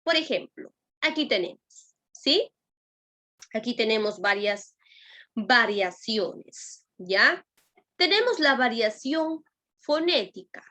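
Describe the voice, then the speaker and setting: A woman's voice: high voice, animated, takes it slowly, pauses often, bright, forceful tone. A woman teacher with a Lima Peruvian accent, giving a class lecture and often checking in with her students. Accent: Lima Peruvian Spanish. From Peru. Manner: addresses students directly, with frequent "¿no?" and "¿ya?" checks.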